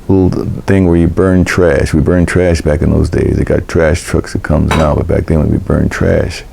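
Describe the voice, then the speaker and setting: An older man hosting a vlog, telling a personal story in a halting, emotional way with many restarts. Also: sits low, creaky, mellow. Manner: halting, repeats words and restarts; emotional recollection. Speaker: vlog host.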